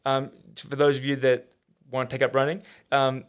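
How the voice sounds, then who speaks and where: A man hosting a podcast, chatting casually and quickly with plenty of fillers and restarts. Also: mid-range voice, clear, resonant tone. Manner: fast, animated, lots of fillers and restarts. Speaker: podcast host and trainer.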